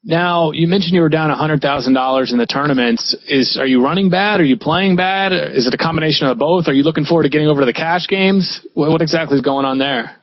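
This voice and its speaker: Fast-talking male radio host. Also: a little high, a little hiss or hum. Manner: quick stacked questions. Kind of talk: interview questions. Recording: dry dull radio sound.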